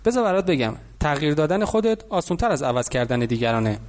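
A man voicing a wealthy older businessman who calmly lectures a boy in an audiobook. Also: fairly high pitch. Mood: lecturing. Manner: patient, instructive.

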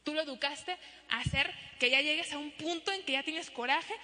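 A middle-aged woman preaches to her congregation in an animated way, slipping into the voices of parents and children. Her voice sits high and bright. It rings with a long reverb, as if she is speaking in a big hall. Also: brisk. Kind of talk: sermon to a congregation.

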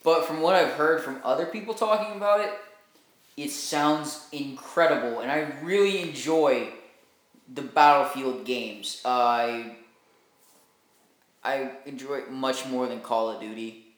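A man's voice: mid-range voice, measured pace. A young man co-hosting a casual gaming podcast, enthusiastic and rambling, laughing often. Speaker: podcast co-host. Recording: very echoey room.

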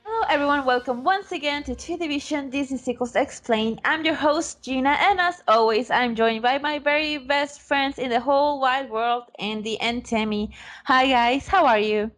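Casual woman podcast host, slightly high voice, tired but teasing, recorded lying in bed. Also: moderate pace, a bit bright, faint music behind. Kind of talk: casual chat among friends. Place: lying on her bed at home.

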